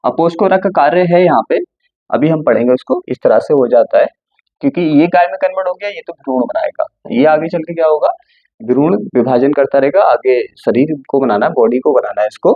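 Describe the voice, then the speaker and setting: A man's voice: a little high, brisk, dry recording, phone-quality sound. A male teacher going through a textbook line by line, often asking a question and answering it himself.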